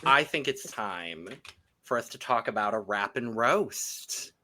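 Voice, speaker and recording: A man hosting a casual recap podcast, chatty and quick to laugh. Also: on the low side, animated, pushed and bright. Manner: laughs often, loose and chatty. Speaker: podcast host. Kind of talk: casual chat.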